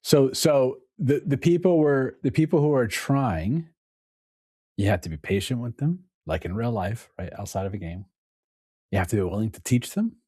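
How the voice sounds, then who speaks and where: A man, a podcast guest, telling stories in a casual conversation with an animated, laughing manner. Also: mid-range voice, moderate pace, breathy edge, no room sound, studio quality. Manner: animated storytelling, laughs often.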